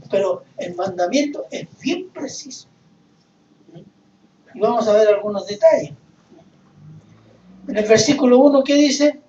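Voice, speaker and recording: A man preaching a sermon, asking rhetorical questions and rising into loud emphasis. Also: extremely high pitch, roomy sound, far from the mic, highs cut off, slight background noise. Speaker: pastor.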